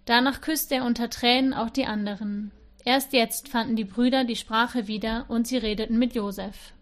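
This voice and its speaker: A woman's voice: fairly high pitch, steady tone, moderate pace. A woman reading a Bible passage aloud in church, giving the quoted speakers some expression. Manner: reads with expression, voicing the speakers' lines. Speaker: scripture reader.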